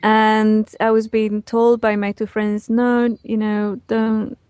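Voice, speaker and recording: A woman's voice: mid-range voice, monotone, takes it slowly, a little mellow, no room sound. A woman in her forties from Chile, telling stories in a casual interview, with hesitant, restarting phrasing and easy laughter. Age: 40s. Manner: hesitant, many fillers and restarts, laughs easily. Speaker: interview guest. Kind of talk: casual conversational storytelling.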